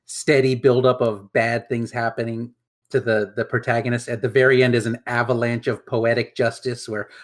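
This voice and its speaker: A man's voice: medium pitch, little pitch movement, normal speed. A man co-hosting a movie podcast in casual chat, joking and teasing. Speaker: podcast co-host.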